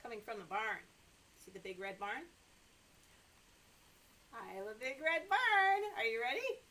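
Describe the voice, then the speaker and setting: Reading aloud to young children in a small room filled with toys and a sofa, a middle-aged woman chats in an exaggerated sing-song style. Her fairly high voice has lively intonation and a bright, forceful tone, and she speaks a little slowly. There's slight hiss or hum on the audio.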